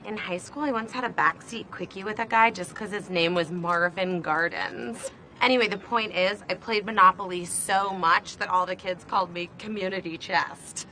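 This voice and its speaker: A woman's voice: lowish voice, normal speed, pushed and bright. An actress playing a bubbly young woman who rambles and overshares with her friends. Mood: chatty. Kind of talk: sitcom acting. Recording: faint background noise.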